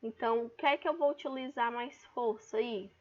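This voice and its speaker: A woman with a Brazilian Portuguese accent teaches an online class, speaking at a normal pace in a fairly high voice. She explains things patiently and calls out words to stress their syllables. The recording is dull and lo-fi.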